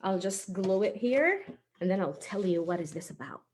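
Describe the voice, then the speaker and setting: With a mid-range, darkish, expressive voice at a moderate pace, a woman demonstrates a craft for young children. Her talk is casual and encouraging as she thinks aloud through each step, hands at work. The recording has faint background noise and tiny clicks.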